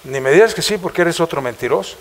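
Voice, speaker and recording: A man's voice: on the high side, expressive, fast talker, fairly bright tone. A man with a Mexican accent preaching a passionate church sermon, firing rhetorical questions at the congregation. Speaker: pastor.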